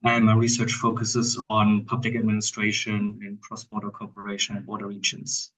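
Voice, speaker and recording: A man's voice: on the low side, completely flat delivery, normal speed, a bit bright. Brief man speaking from the mic. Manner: brief and matter-of-fact. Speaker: doctoral student. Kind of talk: introducing himself in class. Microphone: video call. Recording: distant from the mic.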